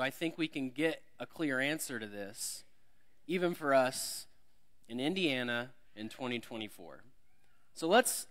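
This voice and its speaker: A visiting preacher from Alabama delivers a sermon in a church sanctuary, his voice slightly high and a touch bright. His manner is warm and self-deprecating, and he raises his voice whenever he reads from scripture.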